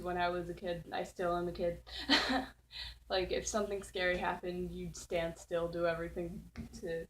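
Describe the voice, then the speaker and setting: A teenage girl hosts her channel from home, casually rambling through a spooky story packed with "like" fillers and giggles. Her voice is fairly low in pitch, the audio quality is poor, and there is faint noise in the background.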